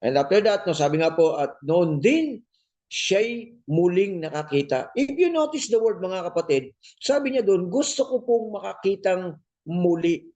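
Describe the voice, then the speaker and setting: Emphatic high-voiced Filipino preacher. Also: male voice, lively intonation, unhurried, warm tone. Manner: emphatic, repeats key phrases, frequent "no?" and "po". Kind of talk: sermon mixing Tagalog and English.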